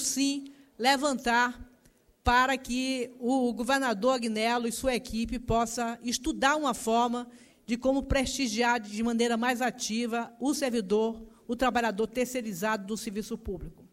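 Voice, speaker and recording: A woman with a Brazilian accent speaking as a legislator in a formal parliamentary session, in a measured and deliberate manner. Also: fairly high pitch.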